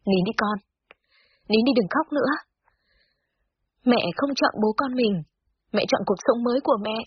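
A woman voicing a despairing father who alternates between shouting and remorse, in a slightly dull lo-fi recording. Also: a little high, normal speed, slightly rough. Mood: remorseful. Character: despairing, short-tempered father.

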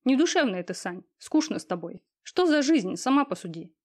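A woman's voice: a little high, big pitch swings, moderate pace, a little mellow. A woman voicing a smug, cold, lazy young man in an audiobook, talking in an offhand, sneering way with coarse slang. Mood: scornful. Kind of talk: audiobook reading.

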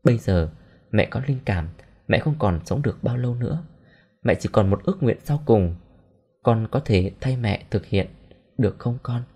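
Give me a man playing a remorseful, tearful old mother from a storybook, husky and warm. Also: fairly low pitch, expressive, normal speed. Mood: pleading. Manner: pleading, tearful. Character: grieving older mother confessing her crimes.

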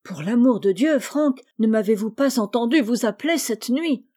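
A woman's voice: on the high side, unhurried. A woman doing a frantic trapped woodcutter. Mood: angry. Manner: shouting for help, pleading then scheming. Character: desperate grown man, a trapped woodcutter.

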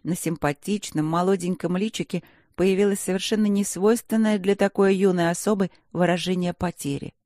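A narrator reading a fantasy audiobook in a measured storytelling manner on a close studio mic. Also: medium pitch, steady tone, darkish tone, dry recording. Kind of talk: scripted narration.

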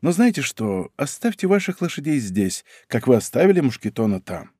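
A man's voice: medium pitch, very animated, moderate pace, mellow, breathy edge, dry recording, clean studio sound. A man playing a shrewd, witty middle-aged musketeer captain who speaks slyly and persuasively in a raised tone, in a storybook reading.

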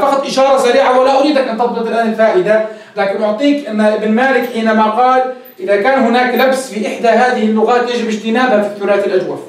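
High-voiced, fast-talking sheikh teaching grammar. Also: male voice. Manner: keeps checking with students, asks and answers his own questions. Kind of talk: classroom grammar lesson. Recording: echoey room, voice far from the mic.

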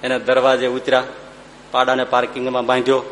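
A man telling a devotional story with a lively, animated delivery, acting out each character as he goes. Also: medium pitch, quick pace, noisy background. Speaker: religious storyteller. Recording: echoey hall with faint ambience.

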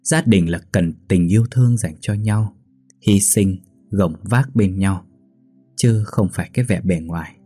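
A man voicing a gentle, sad young wife who answers calmly in a storybook tale. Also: deep voice, measured pace, breathy edge, dry recording, soft background music. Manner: calm, softly reasoning.

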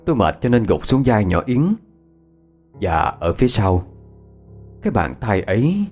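A man's voice: lowish voice, sing-song, unhurried, darkish tone, faint music behind. A man narrating a scripted ghost story in a dramatic, suspenseful way.

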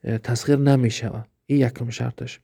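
A male teacher with a Tajik accent talks through a grammar lesson, going over each step with patient repetition and frequent checks that his listeners are following. His voice is gravelly and mellow, and his pitch sits in the middle. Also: steady tone. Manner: explains slowly, often asks "understood?" and repeats words. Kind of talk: recorded lesson.

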